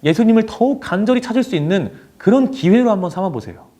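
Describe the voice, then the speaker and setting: Young man, youth pastor, lively storytelling sermon, animated pitch, mellow tone. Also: fast. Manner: dramatic storytelling, voices inner thoughts. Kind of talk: sermon to teenagers.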